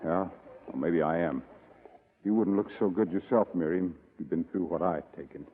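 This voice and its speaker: A man's voice: low voice, moderate pace, breathy edge, long reverb tail. An actor playing Ken Starr, a bitter, down-and-out former businessman in a 1940s radio drama, speaking sardonically. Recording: tinny old radio broadcast.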